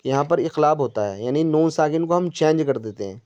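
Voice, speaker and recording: A man tutoring a student in Quran recitation, patiently explaining and repeating each point slowly. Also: on the high side, lively intonation, darkish tone. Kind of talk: one-on-one tutoring lesson. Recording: dull lo-fi recording.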